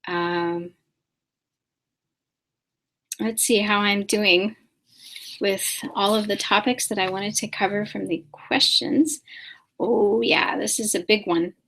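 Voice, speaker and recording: A woman teaching in a live-stream class, taking her time and speaking slowly. She pauses often with soft fillers and repeats sounds aloud to show their pronunciation. Her voice sits at an ordinary middle pitch. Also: fairly even intonation. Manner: unhurried and patient, with many pauses and soft fillers. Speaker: spiritual teacher answering questions.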